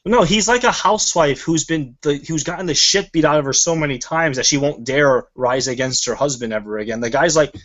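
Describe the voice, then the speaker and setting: A man's voice: on the high side, brisk, few pauses, a bit bright. A man hosting a casual review chat, rambling and swearing freely as he goes. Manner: rambling and profane. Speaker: show host. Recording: muffled lo-fi recording.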